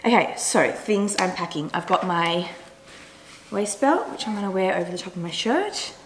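A woman's voice: fairly low pitch, expressive, moderate pace. A young woman chatting casually to a camera a little way off in her home kitchen, as a running vlogger. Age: young adult. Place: indoors, bright home kitchen. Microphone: camera a couple of metres away. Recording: roomy echo, clear background noise.

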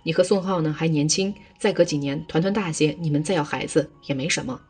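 一个女人为一位强势自私的婆婆配音，语气平直，像照本宣读。. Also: female voice, low voice, fast talker, darkish tone, husky, heavily acted. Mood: scheming. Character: stern older mother-in-law, self-serving and blunt.

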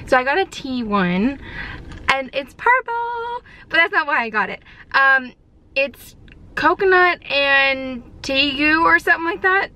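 A chatty woman with a slightly high voice, talking to her handheld camera as she goes about her day. Her talk rambles along, lively and full of small asides. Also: measured pace. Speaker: vlogger. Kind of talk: casual vlog chat to camera. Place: outdoors and in her car on a hot day.

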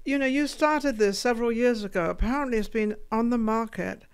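An older woman hosts an interview in a small studio lined with foam panels, speaking into a desk podcast mic. Her voice is a little high, smooth and fairly quick, and she's chatty and playful as she prompts her guest.

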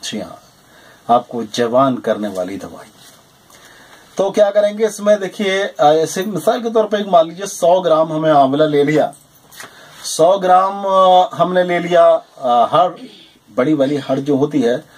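A man's voice: on the high side, measured pace. A man in his forties animatedly explaining a herbal home remedy to viewers, with frequent emphatic affirmations, recorded at desk distance in a small room. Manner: animated and emphatic, with repeated "jī hāṃ" and "ṭhīk hai". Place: small indoor room lined with shelves of medicine bottles.

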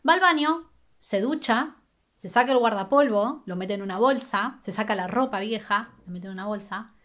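A woman's voice: medium pitch, fairly bright tone. A young woman with an Argentine Spanish accent tells a true crime story in a casual, conversational way while doing her makeup, dropping "eh" and "¿no?" along the way. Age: young adult. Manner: conversational, brisk, with filler "eh" and "¿no?". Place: small bedroom indoors. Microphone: webcam or camera at desk distance.

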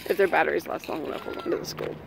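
A woman's voice: low voice, big pitch swings, rapid-fire, gravelly, slight background noise, rough recording. A middle-aged woman filming a casual family vlog outdoors on a handheld phone, chatty, laughing often and calling out to the kids. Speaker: family vlogger. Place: outdoors on a neighborhood walk.

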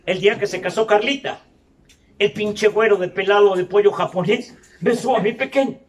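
An older man with a Mexican Spanish accent giving a profane, confrontational testimony to a recovery group, shouting in bursts. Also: high-pitched, brisk, far from the mic, a little hiss or hum.

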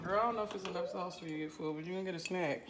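A middle-aged woman, a mother, walking through a recipe in her home kitchen with a relaxed, dry, offhand manner. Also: fairly low pitch, racing. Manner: relaxed, dry, brushing off teasing. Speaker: mother cooking on camera. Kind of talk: casual cooking demonstration. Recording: noisy kitchen with frying sizzle.

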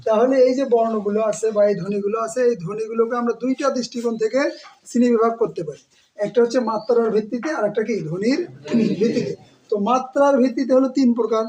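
Very high-voiced male teacher. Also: fairly even intonation, darkish tone, a little hiss or hum, low-quality recording. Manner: quizzes students with questions and answers them himself; repeats words slowly, stretching out syllables. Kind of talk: exam-prep grammar lesson.

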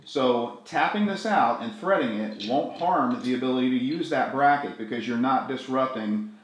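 A middle-aged man hosting a gear tutorial, walking through each step in a friendly, clear way. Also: medium pitch, moderate pace. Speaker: video tutorial host. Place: small room indoors, echoey. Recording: very echoey room.

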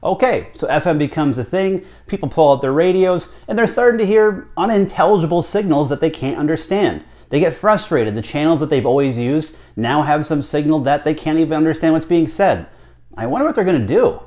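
A man in his thirties with an American accent talks to the camera as a radio hobbyist vlog host, speaking from a small home office. His voice sits fairly high with a darkish tone, and his lively intonation and slightly fast pace carry conversational, emphatic commentary full of rhetorical questions.

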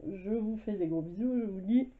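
A French woman with a medium-pitched voice and moderate pace shows her craft purchases in a casual haul video, coughing from a cold. As a craft vlogger she's chatty but hesitant, with plenty of fillers, captured on a home camera mic that sounds tinny, like a phone.

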